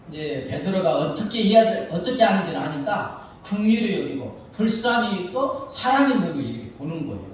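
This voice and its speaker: A male pastor preaching a sermon, telling the story with lively, acted-out quotes. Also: high-pitched, heavy reverb, far from the mic, a little hiss or hum, low-quality recording. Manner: animated storytelling, acting out quoted lines. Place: church sanctuary.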